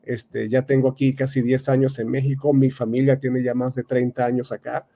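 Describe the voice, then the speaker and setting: A man in his thirties with a Venezuelan accent, a real estate advisor answering interview questions in a halting way, full of fillers and restarts. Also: medium pitch, little pitch movement, dark tone. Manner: hesitant, many fillers and restarts. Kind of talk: casual interview talk.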